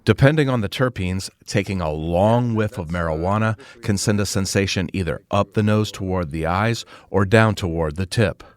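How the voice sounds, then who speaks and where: A man's voice: low voice, normal speed, few pauses. A man reading scripted feature narration as a reporter.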